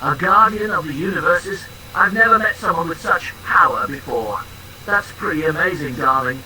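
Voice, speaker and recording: A man's voice: on the high side, animated, moderate pace, sharp tone, a little hiss or hum, low-quality recording. Synthetic male voice as a smug flirty sparring man. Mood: friendly curious. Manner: teasing, calls the listener love and darling. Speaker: AI chat character. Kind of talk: text-to-speech role-play narration.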